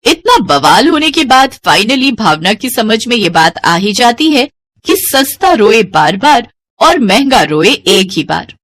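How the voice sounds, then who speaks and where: A woman tells a family story in scripted narration. Her voice sits on the higher side and moves widely in pitch. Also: big pitch swings, unhurried, a bit bright, no room sound.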